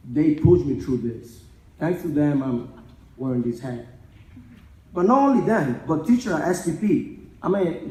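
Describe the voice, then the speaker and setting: A man's voice: on the high side, dark tone. A young man from the Republic, giving an earnest, emotional graduation speech and repeating phrases for emphasis. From Dominican Republic. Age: young adult. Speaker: graduating student speaker. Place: large event hall. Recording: echoey hall.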